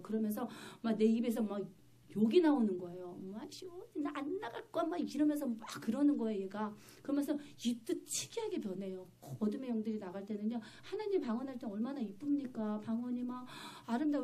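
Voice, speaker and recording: A woman's voice: a little high, warm tone. A woman pastor preaching a sermon in church, telling her story vividly and with emphasis.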